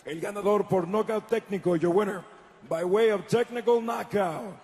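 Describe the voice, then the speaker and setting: A man's voice: high voice, fairly even intonation, a little fast, a little mellow. A man working as a boxing ring announcer, formal and showy in a lucha libre announcing manner, stretching out names. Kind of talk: formal, drawn-out bilingual fight announcing. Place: boxing ring in a large arena. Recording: long arena PA reverb.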